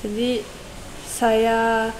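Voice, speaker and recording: A teenage exchange student from Japan with a Japanese accent, a young woman speaking Indonesian as a foreigner in halting, simple phrases as she answers interview questions. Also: fairly high pitch, completely flat delivery, faint music behind. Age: teens. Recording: echoey reverberant room with background noise.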